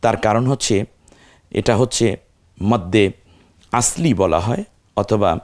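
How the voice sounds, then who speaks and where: Man slowly spelling out recitation syllables. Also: on the low side, expressive. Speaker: Quran recitation teacher. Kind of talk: step-by-step recitation lesson.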